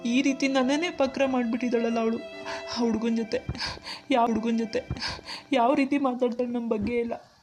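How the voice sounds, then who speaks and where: A woman's voice: a little high, fairly even intonation, normal speed, long pauses, music in the background, lightly acted. A woman voicing a worried young husband and protective older brother in a cartoon, speaking earnestly. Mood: upset. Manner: earnest, troubled. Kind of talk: cartoon dialogue acting.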